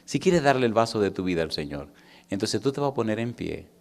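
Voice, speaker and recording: A middle-aged man with a Caribbean Spanish accent, preaching a sermon as a pastor. He tells stories and swings from loud fervor to a hushed, intimate voice. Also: fairly low pitch, big pitch swings, fast talker, creaky.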